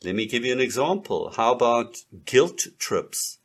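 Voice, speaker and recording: A man's voice: medium pitch, big pitch swings, normal speed, husky. A man delivering a lecturing monologue in an emphatic, repetitive and contemptuous manner.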